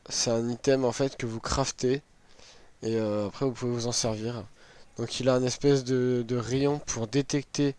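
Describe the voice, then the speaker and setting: A man hosts a gaming video in a hoarse, worn voice that sounds sick. His pitch is average, and he explains things informally, with some hesitation. The recording is dry and close. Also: a little mellow, no room sound. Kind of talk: casual game item walkthrough.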